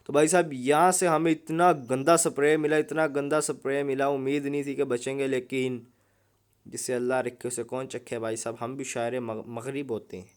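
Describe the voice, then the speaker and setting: A man's voice: medium pitch, little pitch movement, normal speed. A young man, giving casual, joking commentary over mobile gameplay. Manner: joking, chatty, keeps saying "bhai sahab". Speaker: gaming YouTuber.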